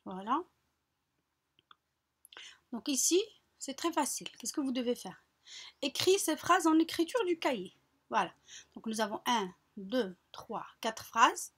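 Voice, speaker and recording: Patient woman teacher, husky voice. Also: a little high, big pitch swings. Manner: slow, patient, repeats and spells out syllables. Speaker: primary school teacher. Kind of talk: recorded lesson walkthrough.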